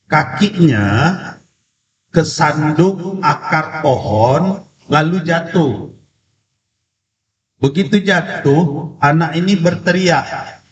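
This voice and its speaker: A male preacher with a cold giving a religious lecture with a story, speaking slowly and deliberately, heard through a distant, echoey, dull PA sound. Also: fairly high pitch, a little hiss or hum. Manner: slow, deliberate delivery. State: has a cold. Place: community religious event.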